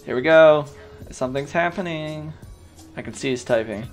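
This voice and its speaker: A man's voice: fairly high pitch, normal speed, faint music behind. A man hosting and commentating a gaming tournament stream, chatty and joking with the live chat.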